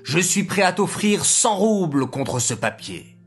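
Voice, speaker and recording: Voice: mid-range voice, big pitch swings, a little slow, faint music behind, voice pushed up. Narrator voicing a pleading diamond merchant. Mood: bargaining. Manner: pleading, placating. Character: diamond merchant, jovial then anxious.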